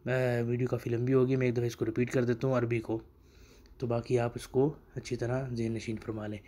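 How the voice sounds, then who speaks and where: Guy teaching arabic phrases, pretty flat voice, says them slow and repeats. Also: medium pitch. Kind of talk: casual spoken lesson.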